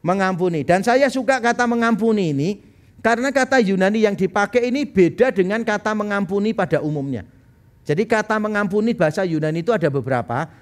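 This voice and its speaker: A male pastor with a high, animated voice preaches quickly during a live-streamed church service. His sermon is conversational, and now and then he acts out the people he's quoting.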